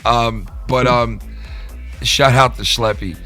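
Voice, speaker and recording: A man's voice: medium pitch, fairly even intonation, slow, sharp tone, soft background music. A man hosting a live show in casual livestream talk, profane, rambling and emphatic.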